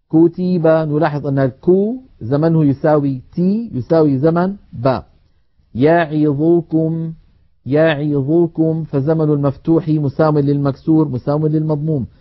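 A man teaching Quran recitation in a televised lesson, explaining in a measured way and chanting example words slowly. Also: a little high, lo-fi sound.

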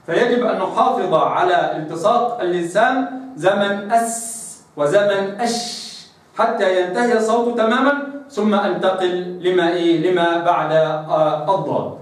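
A man teaching the pronunciation of Arabic letters for Quran recitation, explaining step by step and slowly demonstrating the sounds. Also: sits high, recorded from a distance. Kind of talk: tajweed phonetics lesson. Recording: echoey room, voice somewhat off-mic.

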